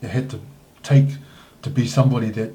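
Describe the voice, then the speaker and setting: A man's voice: medium pitch, fairly even intonation, brisk, warm tone, a little hiss or hum. A man with a New Zealand accent, interviewing casually in a colloquial, matey way, often tagging his lines with eh or right. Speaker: interviewer, host.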